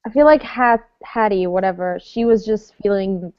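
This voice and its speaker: Hosting an informal book club stream online, this woman in her early twenties chats and reads viewer comments aloud. She has a clear, resonant, mid-range voice at a normal speed. It's captured as dry, dull lo-fi webcam sound.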